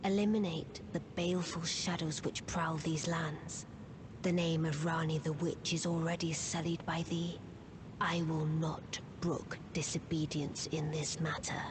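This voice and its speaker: Casting: enigmatic fantasy game witch, whispery and imperious, lowish pitch, slow archaic delivery. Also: little pitch movement, noisy background. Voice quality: breathy, whispery. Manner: hushed, stately, formal archaic speech. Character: haughty, enigmatic young witch inhabiting a small doll. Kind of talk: archaic, theatrical video game dialogue.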